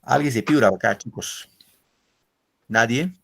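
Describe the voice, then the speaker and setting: A man's voice: mid-range voice, unhurried, creaky, a bit bright. A man teaching an online literature class, explaining step by step and often checking in with his students.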